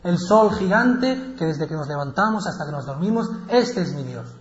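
A man voicing an earnest adult prophet who marvels at the heavens, stretching his exclamations out slowly. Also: fairly high pitch, lively intonation, roomy sound, long reverb tail, lo-fi sound, close to an everyday voice. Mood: awed.

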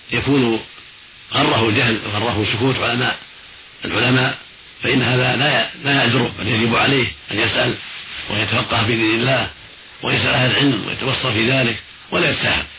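A man giving religious instruction in formal Arabic as a scholar, didactic and repeating points for emphasis. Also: mid-range voice. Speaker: Islamic scholar answering listeners' questions. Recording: noisy, dull old radio recording.

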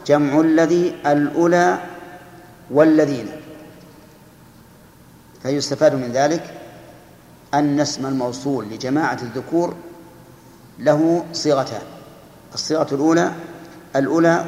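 A man's voice: mid-range voice, darkish tone. A man giving a grammar lesson, explaining step by step and putting questions to his students. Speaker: teacher. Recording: echoey hall recording, faint noise.

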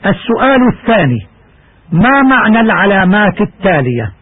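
A high-pitched, husky man gives a measured, formal lesson on Quran recitation. It is a dry, phone-like radio broadcast with a narrow, tinny sound. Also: very animated, no echo. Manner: measured, formal instructional delivery. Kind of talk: scripted lesson narration.

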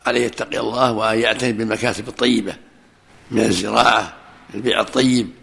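A man's voice: lowish voice, fairly even intonation, fast talker, gravelly, a bit bright. A man giving a religious lesson, explaining hadith and answering students' questions, repeating key phrases for emphasis. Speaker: religious scholar teaching hadith.

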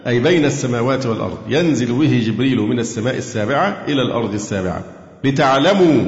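A man teaching a Quran commentary lesson, explaining grammar and quizzing his listeners, sometimes chanting verses. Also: medium pitch. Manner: asks and answers own questions, sometimes chants verses. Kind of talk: tafsir lesson with grammar analysis. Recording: echoey hall, dull lo-fi sound.

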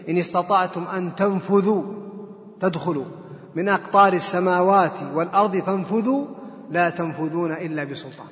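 A high-voiced man gives an explanatory religious lecture. He poses questions to his audience and answers them himself. His voice carries a long hall reverb on a dull, lo-fi recording. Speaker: Quran teacher. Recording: echoey hall, dull lo-fi sound.

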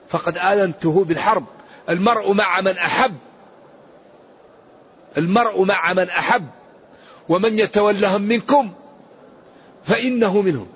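A male religious scholar with a husky, high-sitting voice gives a Quran commentary lesson. He speaks emphatically and rises sharply when reciting verses, captured on a dull lo-fi recording with faint hiss.

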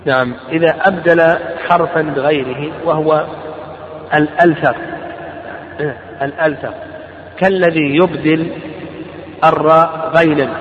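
A man teaching a lesson on a classical legal text. He reads lines aloud slowly, then explains and repeats them. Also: a little high. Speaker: teacher of Islamic law. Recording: roomy hall recording, dull sound, crowd behind.

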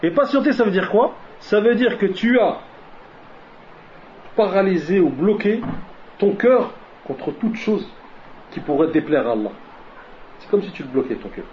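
A man's voice: sits high, lively intonation, a little slow, pauses often. A man giving a religious lesson who keeps asking questions and answering them himself, mixing Arabic religious phrases into his French and repeating key lines for emphasis. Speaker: preacher. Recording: dull lo-fi recording with faint noise.

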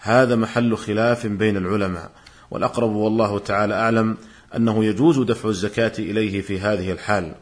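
Male lecturer, slightly deep voice, formal standard Arabic, measured scripted delivery for a religious programme. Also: fairly even intonation. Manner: formal, measured, citing quotations.

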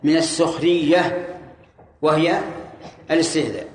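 A man's voice: fairly high pitch, normal speed. A man teaching a classroom lesson on Quran commentary, explaining the text step by step and putting questions straight to his students. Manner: explanatory, quizzes students directly. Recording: echoey room with faint hiss.

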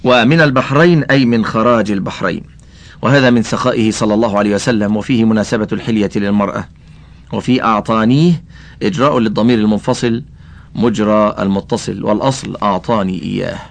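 Low-voiced man reading religious commentary. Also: quick pace, gravelly. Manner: careful, spells out vowel marks of names; addresses the listener directly. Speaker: audiobook reader.

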